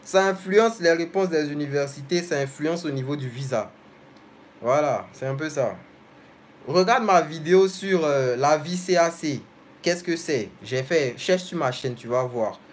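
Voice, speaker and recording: A young man chats casually on a live stream, reading out viewers' messages and replying to each person by name in a friendly, direct way. His voice sits a little higher than most men's, and a faint hiss of noise runs underneath. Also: animated, a little slow. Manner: reads comments aloud then answers them directly and familiarly. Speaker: host of a live stream answering viewer comments.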